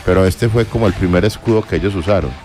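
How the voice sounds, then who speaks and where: Low-pitched Colombian man chatting over music. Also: fast talker, a little mellow. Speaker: radio co-host. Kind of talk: casual discussion.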